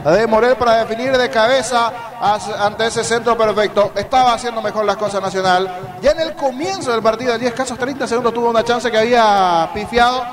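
A Paraguayan man gives live football analysis in a high-pitched voice. He describes the play emphatically and returns to his key points. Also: a little fast, crowd noise. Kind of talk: live match commentary.

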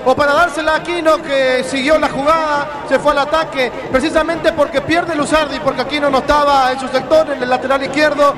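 A man's voice: very high voice, little pitch movement, brisk, few pauses. A man giving analytical football commentary, explaining play step by step. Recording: stadium broadcast with crowd noise. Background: crowd.

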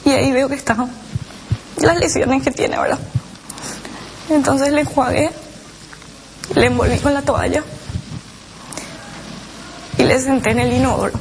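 A mother recounting her child's experience in halting, emotional personal testimony, with many restarts and tag questions. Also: high voice, steady tone, background noise.

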